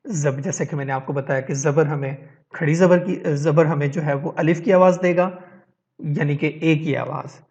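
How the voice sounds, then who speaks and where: A man with a slightly high voice teaches a reading lesson, explaining each step slowly. He mixes English words into his talk and checks in with his listeners as he goes. The recording sounds dull and lo-fi. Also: fairly even intonation, darkish tone. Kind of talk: online tajweed lesson.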